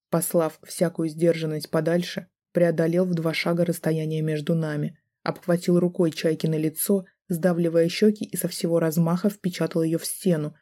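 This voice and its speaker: A man reads a dramatic audiobook in the first person. His tone is dark and mellow. He keeps the delivery tense, brooding and measured. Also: a little high. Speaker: audiobook narrator. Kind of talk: first-person scripted narration.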